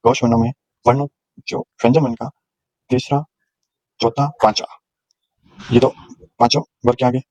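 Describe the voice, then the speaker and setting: A man's voice: mid-range voice, little pitch movement, normal speed, long pauses, darkish tone, no room sound, rough recording. A male teacher giving a grammar lesson, explaining patiently and sounding out letters one at a time. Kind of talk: classroom lecture on grammar.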